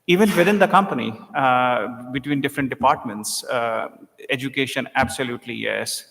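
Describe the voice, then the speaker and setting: A man's voice: medium pitch, normal speed, vocal fry, noisy background. A man speaking as a panelist in informal, emphatic, choppy phrases in a big reverberant room. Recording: echoey hall with long reverb.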